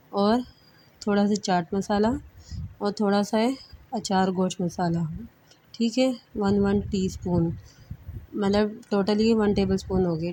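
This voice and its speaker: A woman's voice: mid-range voice, mellow, slight background noise, low-quality recording. A woman hosting a home cooking vlog from her kitchen, explaining each step in a chatty way, often checking in with her viewers and calling them sisters and brothers. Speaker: home cook and channel host.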